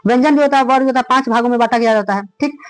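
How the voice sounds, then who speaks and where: A man with a Bihari Hindi accent runs through an exam revision lecture in a very high, rapid voice. He fills his speech with stock phrases and poses questions that he answers at once. The room sounds small and dead, with no echo at all. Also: clear, resonant tone. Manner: rhetorical questions answered himself, heavy filler phrases. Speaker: teacher.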